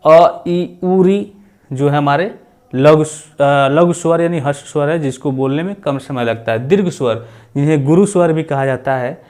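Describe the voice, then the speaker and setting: A man's voice: on the high side, moderate pace, a little mellow. A man teaching grammar for exam preparation, explaining step by step, repeating points and sounding out vowels as examples. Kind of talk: exam-prep lecture.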